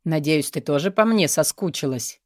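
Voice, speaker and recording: A woman reading the part of a teasing, tender young male demigod, speaking low and hushed. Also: expressive, moderate pace, dry recording, clean studio sound. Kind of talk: audiobook character voice.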